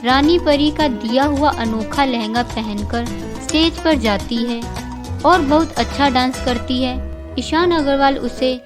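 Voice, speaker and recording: Woman reading a cartoon fairy tale, high voice, takes it slow. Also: music in the background. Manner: slow, clear storytelling. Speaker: voice-over narrator. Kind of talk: scripted storybook narration.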